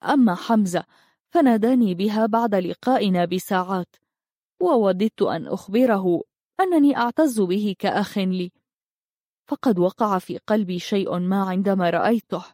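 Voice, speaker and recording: Soft heartfelt young guy from a storybook, a woman reading him, mellow and dry. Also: medium pitch, normal speed, no echo, close to an everyday voice. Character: gentle lonely young Nubian man.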